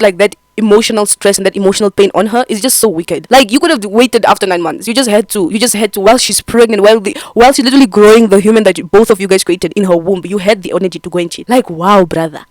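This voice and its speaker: A woman giving animated, joking reaction commentary in slangy chat. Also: medium pitch, no room sound, rough recording. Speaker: commentary creator.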